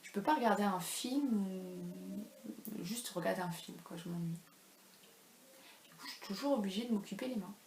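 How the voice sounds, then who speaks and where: A woman's voice: medium pitch, normal speed, long pauses, a little mellow. A woman in her thirties who hosts a knitting podcast, chatting casually at home in a rambling, self-deprecating way with lots of fillers. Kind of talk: casual chat. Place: home room. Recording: echoey room with faint ambient noise.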